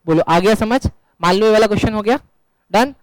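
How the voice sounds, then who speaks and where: High-voiced joking teacher. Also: male voice, a little fast, dry recording, low-quality recording. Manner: joking, quizzing students, mixing English terms. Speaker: accounts teacher. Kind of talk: classroom lecture. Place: classroom.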